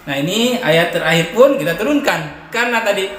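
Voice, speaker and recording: Guy teaching quran chanting, soft quick talk then long sung lines, roomy echo. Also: high-pitched, expressive, a little hiss or hum. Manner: alternates soft quick explanations with drawn-out melodic chanted recitation. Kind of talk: Quran recitation tutorial, sung examples.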